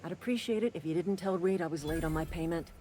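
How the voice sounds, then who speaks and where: A man voicing a gruff, cynical company-town clerk in video game dialogue, speaking curtly and sardonically. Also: a little high, quick pace, dark tone, slight background noise, natural voice, rough recording. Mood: curt, sardonic. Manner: curt, sardonic and impatient.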